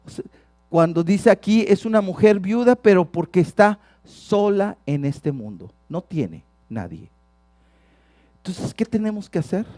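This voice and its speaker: A man preaching a sermon, reading psalms with swings from hushed to shouted. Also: high voice, very animated, unhurried, no room sound, studio quality. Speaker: pastor.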